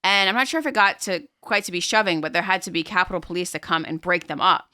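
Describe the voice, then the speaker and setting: A woman's voice: lowish voice, fast talker, sharp tone, no room sound, studio quality. A woman hosting a podcast, chatting casually and acting out mocking quotes in a raised voice. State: home with a baby. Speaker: podcast host. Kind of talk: casual chat.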